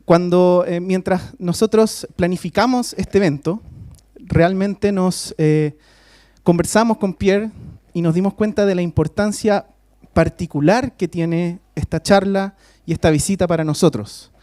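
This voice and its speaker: Speaking at a measured pace, a man with a high, mellow voice presents a guest speaker as the faculty host in a university lecture hall. The formal introduction is hesitant and peppered with fillers, alternating between Spanish and English, and the sound is clean, studio-like, and echo-free.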